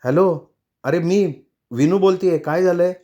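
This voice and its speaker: A gentle elder sister checks in with quiet concern, as a male storyteller puts her on. The voice is pitched above the reader's own but stays soft. Heard in a novel being read aloud. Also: unhurried, dull audio.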